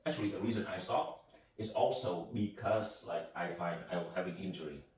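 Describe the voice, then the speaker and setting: A deep, brisk male voice with a darkish tone and a faint hiss or hum. He's a native Vietnamese speaker hosting a casual podcast, chatting in a loose, rambling way, captured by a distant mic in an echoey room.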